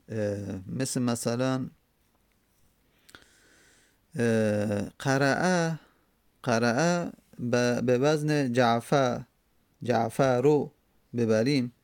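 A male teacher with a gravelly, rough-edged voice of medium pitch and slight mellowness explains rules from an Arabic grammar text. He speaks slowly and hesitantly, repeating each example syllable by syllable and often pausing on drawn-out fillers. The recording is close and dry, with no room echo.

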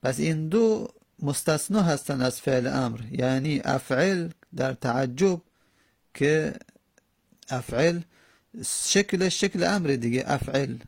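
A man teaching a grammar lesson in a classroom style. He reads a text line by line and explains it, drawing out the example words slowly. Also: medium pitch, lively intonation, vocal fry, husky, no echo, clean studio sound.

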